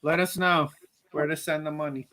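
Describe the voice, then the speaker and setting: A man co-hosting a stream, calling a race with excited commentator banter. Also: on the high side, normal speed. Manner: hyped, calls the race like a commentator.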